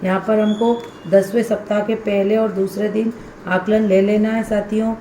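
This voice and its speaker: A woman's voice: mid-range voice, flat delivery, normal speed, dark tone, echoey room, a little hiss or hum. A woman primary school teacher explaining step by step how to fill in a student assessment workbook for fellow teachers. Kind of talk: instructional walkthrough for teachers.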